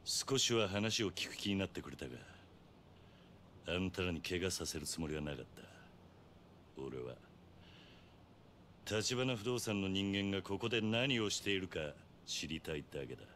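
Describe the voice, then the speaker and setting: An actor playing a stoic young ex-yakuza in a video game, with gruff, terse yakuza speech. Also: male voice, low-pitched, lively intonation, moderate pace, pauses often, fairly bright tone, a little hiss or hum. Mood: stern, calm. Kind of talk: video game drama acting.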